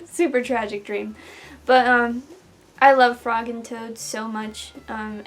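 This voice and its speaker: Young woman w a slightly high voice, sore throat, casually telling her dreams, keeps interrupting herself. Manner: loose, self-interrupting storytelling. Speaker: vlogger. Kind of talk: casual rambling dream recounting. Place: small room at home, indoors.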